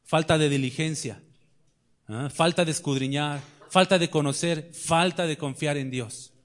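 A man's voice: a little high, a little slow. Preacher man with big dynamic swings. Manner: rhetorical questions, wide swings between loud declarations and quiet asides. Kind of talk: sermon.

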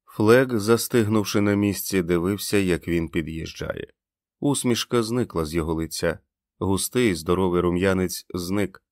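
A man narrating a novel as an audiobook in a measured, dramatic reading. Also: deep voice, no echo, studio quality.

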